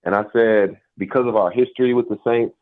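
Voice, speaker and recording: A man phones in to a sports radio show and vents like a frustrated fan, casual and emphatic. He's from the Nashville area in the US South, with a medium-pitched voice, a steady tone and a brisk pace, heard over a phone line.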